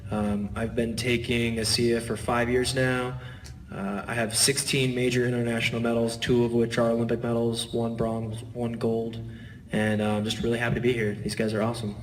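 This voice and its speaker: A man speaking on an athlete panel, relaxed and dotted with fillers. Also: mid-range voice, normal speed, slight background noise. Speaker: panelist, swimmer. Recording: distant mic in an event space.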